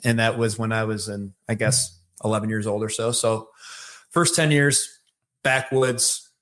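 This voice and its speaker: A man with a Michigan accent, a podcast guest telling his life story in a relaxed, rambling way with many fillers. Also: lowish voice, unhurried. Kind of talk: casual storytelling conversation.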